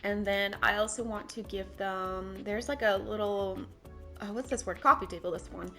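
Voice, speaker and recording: A young woman who makes game builds talks through her latest at normal speed, her mid-range voice steady and fairly bright yet a little weary. Soft music plays behind her as she chats, rambles somewhat and makes self-deprecating comments on a desk mic.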